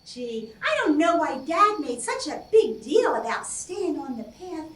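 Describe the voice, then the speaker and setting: A spunky, self-assured little girl from a puppet show. The voice is extremely high and leaps about in a childlike sing-song. It is heard in a reverberant room. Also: very animated, a little slow, a bit bright, full character voice. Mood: carefree.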